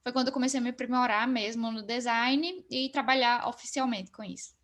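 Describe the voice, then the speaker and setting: A young woman, chatting casually as an interview guest and filling her talk with relaxed asides. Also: on the high side, fairly quick. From Northeast Brazil. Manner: relaxed, talkative, frequent fillers.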